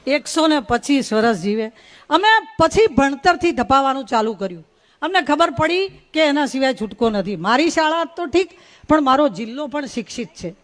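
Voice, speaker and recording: A woman's voice: high voice, very animated, normal speed. A middle-aged woman from Gujarat, giving a humorous, folksy storytelling speech at a religious gathering. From North Gujarat. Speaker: guest speaker at a religious gathering.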